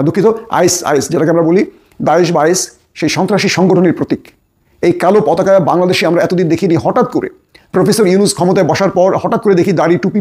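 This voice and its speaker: A man's voice: sits high, a little mellow, slightly rough. A man giving urgent online commentary, warning his viewers and urging them to act. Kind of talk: solo video commentary.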